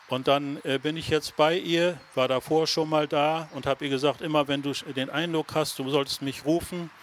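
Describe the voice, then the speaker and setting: A man's voice: mid-range voice, slight background noise. A man preaching a sermon, telling a story to his listeners and then building to raised, emphatic phrases. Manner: talks straight to the listeners, with many tag questions.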